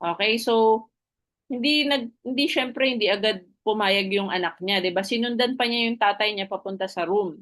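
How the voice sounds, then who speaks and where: Woman, network marketing presenter, motivational recruitment pitch, mid-pitched voice, leans on tag questions, code-switches freely. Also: moderate pace, fairly bright tone. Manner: keeps checking in with listeners through tag questions; switches freely between two languages mid-sentence. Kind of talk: motivational recruitment talk with a story.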